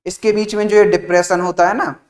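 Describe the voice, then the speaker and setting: Male teacher, explains step by step, fairly high voice. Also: steady tone, brisk, echoey room. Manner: explains step by step, repeats "ठीक है", asks then answers his own questions; jokes with students, calls them "भाई साहब". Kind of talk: exam-prep science lecture.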